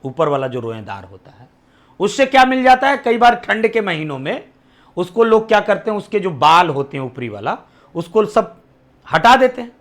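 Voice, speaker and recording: Animated Bihari man quizzing his students. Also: sits high, moderate pace. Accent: Bihari Hindi. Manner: quizzing, repeats answers as questions; drops to near-whisper on answers. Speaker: teacher. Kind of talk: exam-prep lesson.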